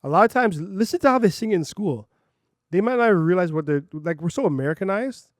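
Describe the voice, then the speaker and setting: Brisk and expressive, a high-voiced man co-hosts a casual podcast chat, pushing his opinions emphatically and spelling words out. He's from Canada and is a parent of a young child. The studio audio is clean, without echo.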